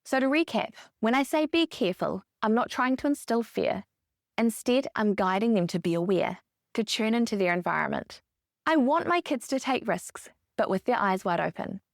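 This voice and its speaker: A woman in her thirties hosting a podcast, giving an upbeat scripted monologue that explains each point with lively emphasis. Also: a little high, moderate pace, vocal fry, no room sound, studio quality. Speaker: podcast host.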